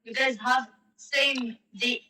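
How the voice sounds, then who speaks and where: A woman's voice: sits high, steady tone, slow pace, bright, forceful tone, recorded from a distance, a little hiss or hum. A woman chatting casually on a live-stream app, speaking in a playful, teasing manner. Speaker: language exchange chat partner. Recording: echoey and off-mic.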